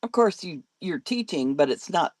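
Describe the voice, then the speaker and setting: A woman's voice: fairly low pitch, expressive, normal speed, darkish tone, dry recording. An older woman, a grandmother, chatting casually on a live stream, laughing often and answering viewer comments as she talks. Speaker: live-selling host.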